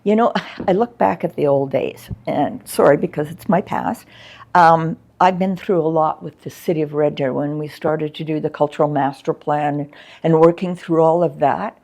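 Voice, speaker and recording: In a reflective interview, a former arts coordinator from Canada, an older woman, talks candidly about her arts work, chatty and full of ums. She speaks a little slowly in a low-pitched, dark voice touched with vocal fry.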